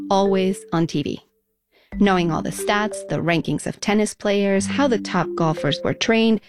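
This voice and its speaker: A woman in her forties from Mexico, narrating a reflective personal radio feature with a nostalgic, storytelling manner. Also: medium pitch.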